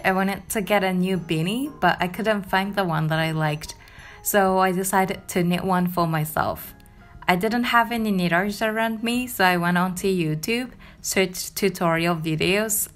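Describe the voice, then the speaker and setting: A young woman from Japan with a Japanese accent, narrating her knitting vlog in a calm, gentle, chatty way; English is not her first language. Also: mid-range voice. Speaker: knitting vlogger. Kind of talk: voice-over narration.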